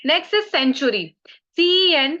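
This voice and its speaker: A woman teaching a live online class, mixing Hindi and English, slowing down to spell out key terms and often checking in with her listeners. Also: high-pitched, expressive, sharp tone. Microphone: computer mic on a video call. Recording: muffled video call audio.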